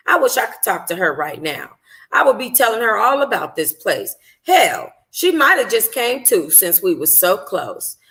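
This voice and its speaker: A woman reads a novel aloud casually as a book club host, her medium-pitched voice bright and forceful. It's informal first-person audiobook narration, and at times she stumbles and rereads a phrase.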